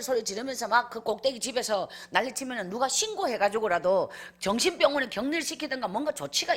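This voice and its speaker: A woman evangelist delivers a revival testimony in church. Her voice is somewhat high and husky. She tells the story with emphasis and acts out the scenes. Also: fairly bright tone.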